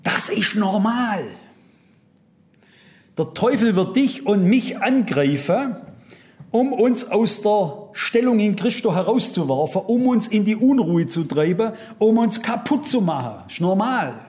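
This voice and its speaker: A man's voice: high voice, very animated, measured pace, darkish tone. A man preaching a sermon to his congregation, asking them many rhetorical questions and quoting Bible verses. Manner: quotes and reads Bible verses aloud.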